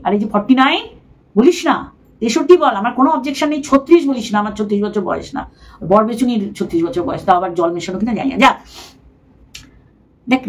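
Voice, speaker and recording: A middle-aged woman scolds a rival straight into the camera, her voice sitting a little high. She talks down to the other person in short, sharp lines. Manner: scolding, confrontational, addresses rival informally. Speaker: vlogger. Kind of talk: heated direct-address rant.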